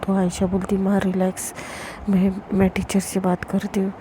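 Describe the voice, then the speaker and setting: A woman's voice: mid-range voice, monotone, normal speed, background noise. A woman narrating a love story in a casual, conversational way, quoting the characters' lines in her own voice. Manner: retells dialogue plainly without voicing characters.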